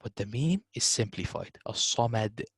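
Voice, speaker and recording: A man teaching a tajweed lesson, slowly repeating words to show correct pronunciation. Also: medium pitch, no echo. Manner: explains slowly, repeating words in Arabic recitation. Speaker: Quran recitation teacher.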